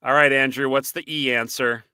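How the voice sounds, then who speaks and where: A man with a Boston accent co-hosting a live-stream podcast, chatty and animated, reading out viewer comments and quizzing his co-host. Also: medium pitch, normal speed, clean tone, no room sound. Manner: animated, reads out viewer comments, laughs often. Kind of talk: casual live-stream chat.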